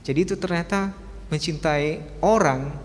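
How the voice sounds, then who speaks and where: A man's voice: on the high side, normal speed, a little hiss or hum. A man preaching at a youth service in a casual, humorous way, chatting and laughing often as he talks. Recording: long hall reverb.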